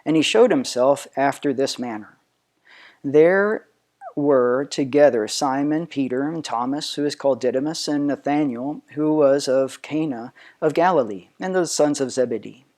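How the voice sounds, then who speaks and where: A man reading scripture aloud in a solemn, measured way, declaiming it with emphasis. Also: mid-range voice, darkish tone. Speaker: reader of scripture.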